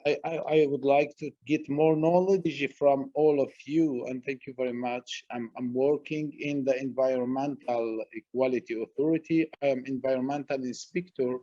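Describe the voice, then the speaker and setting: A man from Palestine, an environmental inspector, commenting haltingly in an online meeting with repeated words. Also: medium pitch, fairly even intonation, warm tone, dry recording, highs cut off.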